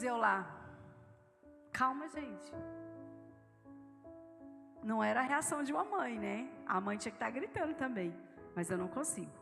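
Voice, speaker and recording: A woman's voice: fairly high pitch, creaky. A woman pastor from Brazil preaching a live sermon in church, telling stories in an earnest way and speaking straight to the congregation. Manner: storytelling, earnest, addresses the congregation directly. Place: large church hall with live audience. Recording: echoey church hall, soft background music.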